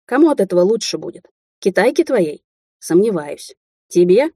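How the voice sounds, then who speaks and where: A woman voicing a gruff older Russian man who lectures in a coarse, bossy way. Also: medium pitch, big pitch swings, moderate pace, warm tone, no echo, clean studio sound. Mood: lecturing.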